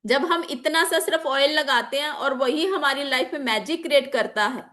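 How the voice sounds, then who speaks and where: In a casual lesson full of examples, a woman who teaches chakras and magical oils online speaks at normal speed in a high, fairly bright voice. A slight soreness is audible in her throat, and she explains things point by point, repeating key phrases and working English terms into her sentences.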